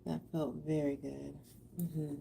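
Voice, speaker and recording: Her voice is low, level, slow, creaky, and dark, with slight background noise behind it. She's a Houston, Texas woman hosting a live art stream, chatting casually with viewers, speaking to them directly, affectionate and appreciative.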